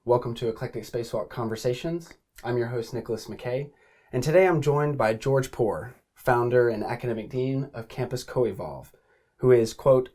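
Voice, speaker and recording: A man's voice: mid-range voice, darkish tone. A young man hosting an interview, asking questions in a casual, slightly hesitant way, seated in a book-lined study. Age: young adult. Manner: casual, a bit hesitant, with fillers. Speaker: host. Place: study lined with bookshelves, indoors.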